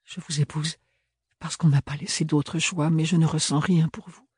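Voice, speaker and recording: A man reading an audiobook, voicing a frightened young woman who speaks softly and hesitantly. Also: a little high, steady tone, normal speed, slightly rough, no room sound, clean studio sound, voice pushed up. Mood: hushed, anxious. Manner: soft, hushed, hesitant.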